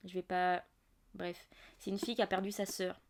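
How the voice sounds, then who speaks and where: A woman's voice: lowish voice, little pitch movement, normal speed, creaky. A young woman hosting a casual book podcast, chatty and full of asides and fillers. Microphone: audio-only podcast mic.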